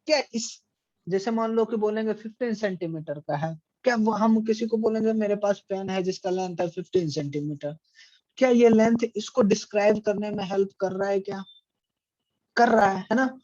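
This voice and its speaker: A man's voice: sits high, normal speed, darkish tone, no echo. A man teaching an online physics class, asking the students questions and answering them himself. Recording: dry, dull lo-fi audio.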